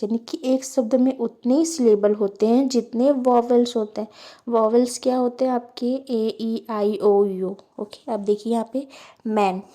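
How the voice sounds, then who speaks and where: A woman's voice: a little high, warm tone. A woman with an Indian accent teaching an English lesson, reading lines and explaining them with rhetorical questions. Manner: slow, reads English lines then explains them in Hindi; asks rhetorical questions to students.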